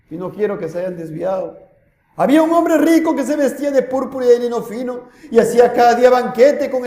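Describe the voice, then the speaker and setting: A man preaches in a high, ringing voice, pressing his listeners with rhetorical questions. His delivery swings from loud urging to near-hushed warnings. The sound carries the echo of a church hall. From Peru. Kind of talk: sermon.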